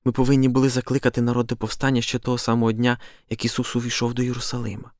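A man's voice: mid-range voice, monotone, rapid-fire, darkish tone, no echo, clean studio sound, natural voice. A man reading the part of a fiery, impulsive apostle who talks in a heated, insistent, accusing way. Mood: rousing. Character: fiery, impulsive male apostle, middle-aged.

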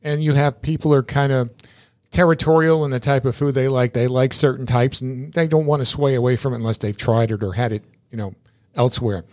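A man's voice: medium pitch, fairly even intonation, fairly quick, a little mellow. A man hosting a casual interview, chatty and rambling, often repeating words as he starts a sentence. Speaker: interview show host.

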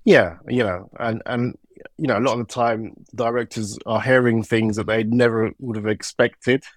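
A man with a London accent and a slight sore throat, answering interview questions thoughtfully with many pauses and fillers. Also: mid-range voice, fairly even intonation, no room sound, clean studio sound. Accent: London English. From England. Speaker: composer guest.

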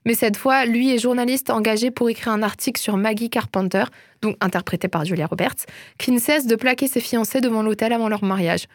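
A young woman with a slightly high voice chats eagerly about films and shows she loves. She talks in an easygoing, lively way and laughs often. The recording is close and dry. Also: a little fast, no echo. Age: young adult. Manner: chatty, enthusiastic, laughs often. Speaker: host. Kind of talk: casual film and series recommendations.

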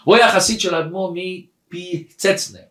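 A man's voice: high-pitched, roomy sound. A man, a rabbi, giving a weekly Torah lesson and telling a story dramatically, acting out its characters. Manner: animated storyteller who acts out the people in his story.

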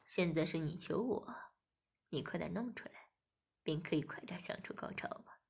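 A woman voicing a smug, domineering adult man in a read-aloud audio story, with a lowered, mocking delivery. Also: expressive, moderate pace, gravelly, breathy edge, whispered, full character voice. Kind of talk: erotic audio story reading.

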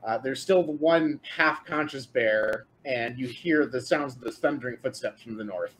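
A man's voice: mid-range voice, moderate pace, fairly bright tone, a little hiss or hum. A man narrating as game master of a tabletop role-playing game, casual and loose, with lots of filler words.

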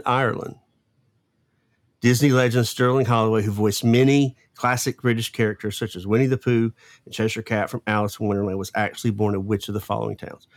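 A man's voice: medium pitch, no room sound. A middle-aged man hosting a casual family trivia quiz, hurrying along and chatty. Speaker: quiz host.

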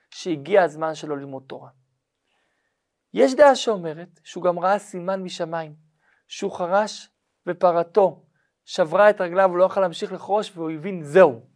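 A man, a rabbi, telling a religious story in a lively, dramatic way, often checking that listeners follow. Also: high-pitched. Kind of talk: storytelling lesson.

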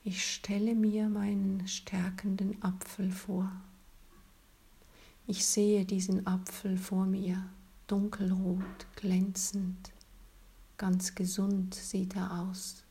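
A woman leading a guided relaxation in a soft, soothing, breathy spa-like whisper, as scripted narration. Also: medium pitch, monotone, slow pace.

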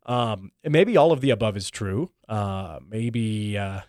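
A man's voice: lowish voice, unhurried, darkish tone, no room sound, studio quality. A man hosting a casual commentary show, talking in a chatty, wry way with plenty of fillers and restarts. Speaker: show host.

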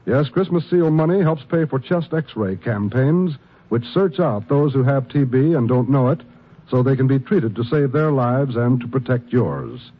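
A man's voice: mid-range voice, breathy edge. A man working as a radio announcer, reading a scripted charity appeal in an old radio style. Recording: tinny old radio broadcast.

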